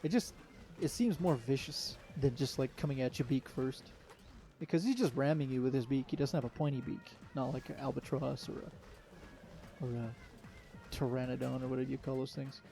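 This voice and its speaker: Easygoing young man, mellow voice. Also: medium pitch, normal speed, creaky, soft background music. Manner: rambling, easygoing, many fillers and restarts. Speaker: let's play commentator. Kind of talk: casual solo gameplay commentary.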